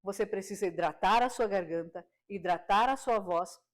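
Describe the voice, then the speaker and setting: A woman, a radio broadcaster, giving an expressive speaking lesson to the viewer with many rhetorical questions. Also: mid-range voice, normal speed. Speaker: radio broadcaster and communication teacher. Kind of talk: direct-to-camera speaking lesson.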